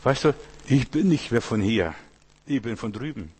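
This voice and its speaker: A man delivers a sermon in a husky, slightly breathy voice of middle pitch. He preaches with insistent repetition, stacking parallel phrases and turning often to the listener to drive each point home. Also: animated, moderate pace, darkish tone. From Asia. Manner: repetitive, emphatic preaching with rhetorical questions to the listener.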